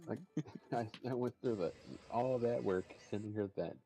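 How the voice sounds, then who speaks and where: Man, young, low voice, mellow, rambling, casual stream host. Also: moderate pace, poor audio. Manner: rambling, many fillers and restarts.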